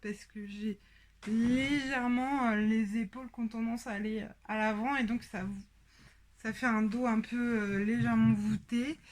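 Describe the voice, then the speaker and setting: A woman with a French accent hosting a casual sewing show-and-tell, talking with many pauses and fillers. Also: a little high, fairly even intonation, a little hiss or hum. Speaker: sewing podcast host.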